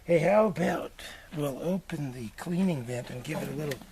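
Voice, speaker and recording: An older man giving a casual do-it-yourself demonstration inside a small greenhouse, talking in an unhurried, folksy way full of fillers. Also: fairly high pitch, warm tone, slightly rough. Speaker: homesteader showing his build. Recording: noisy camera audio.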